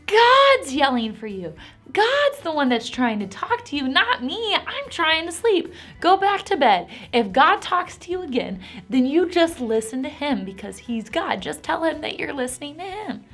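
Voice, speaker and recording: A woman's voice: high voice, big pitch swings, measured pace, a bit bright, soft background music, voice pushed up, exaggerated voice. A woman voicing a sleepy, patient old male priest in a children's Bible story.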